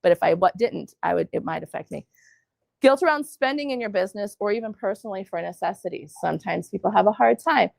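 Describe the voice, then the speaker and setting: A middle-aged woman gives a classroom workshop talk with a strongly gravelly, creaky voice. The sound is dry and close. She tells lively stories, acts out what people said, and throws questions to her listeners. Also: mid-range voice, quick pace, dry recording. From United States. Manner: lively storytelling, quotes people in put-on voices, asks the audience questions. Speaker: workshop presenter.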